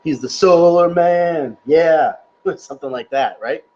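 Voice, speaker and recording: A man's voice: a little high, measured pace, a little mellow, dull audio. A man presenting on a live stream, answering viewer questions in a chatty, rambling way and laughing at himself. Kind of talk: casual live Q&A. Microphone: webcam or laptop mic on a live stream.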